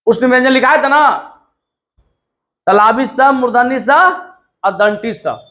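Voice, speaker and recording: Male classroom teacher from India, slow and high-pitched, drills students by repetition. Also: sharp tone. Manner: repetitive, drilling students to repeat sounds aloud. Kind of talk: classroom lecture.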